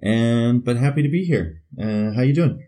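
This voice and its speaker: A man's voice: mid-range voice, lively intonation, normal speed, warm tone. A man with a Canadian accent chatting casually and loosely as a podcast co-host, often dropping in "you know". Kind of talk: casual chat.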